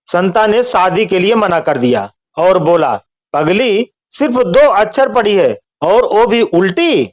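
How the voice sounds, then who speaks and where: A man reading out a string of short jokes in a steady storytelling voice. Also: high-pitched, measured pace.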